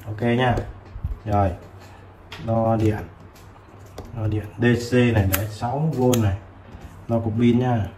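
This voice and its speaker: A man selling used tools who chats casually while showing old multimeters, filling pauses with short words. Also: fairly low pitch, steady tone, mellow. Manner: chatty, fills with "đấy" and "rồi". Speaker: used tool seller. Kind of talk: casual product demo. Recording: roomy with faint background noise.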